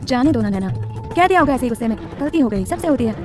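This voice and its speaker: A gentle young student speaks softly and calms the others, as a woman storyteller voices her. Her voice is light and fairly quick. Faint music plays beneath. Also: high-pitched.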